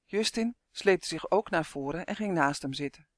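Casting: a male storybook narrator, fairly high voice, clear and even, dry close studio sound. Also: moderate pace, no room sound. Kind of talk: audiobook narration.

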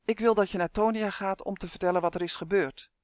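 An earnest young boy, read by a man in a storybook, with a fairly high voice and a steady, sincere delivery. The sound is close and dry. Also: fast, clean tone, dry recording, natural voice. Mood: serious. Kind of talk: audiobook character voice.

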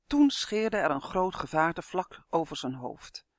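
Guy reading a kids fantasy book out loud, expressive, higher voice, dry sound. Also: unhurried, no echo. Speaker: audiobook narrator. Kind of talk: scripted storybook narration.

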